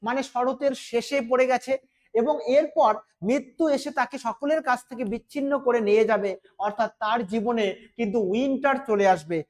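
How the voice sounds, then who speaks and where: A woman teacher giving an exam-prep literature lesson, explaining step by step, repeating key points and reading English phrases slowly. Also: on the high side, a little mellow.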